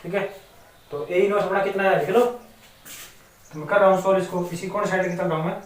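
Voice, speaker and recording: A man's voice: high voice, fairly even intonation, fairly quick. A man with a Rajasthani Hindi accent teaching a maths lesson, often asking the students whether they have understood. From India. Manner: repeatedly checks students' understanding. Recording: echoey room, mic at a distance, faint noise.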